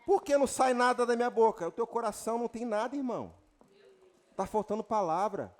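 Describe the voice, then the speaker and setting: Brazilian pastor guy, high voice, jokey lively sermon, yells the big lines. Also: brisk. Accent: Brazilian Portuguese. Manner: lively, joking preaching with sudden loud declarations. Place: church retreat.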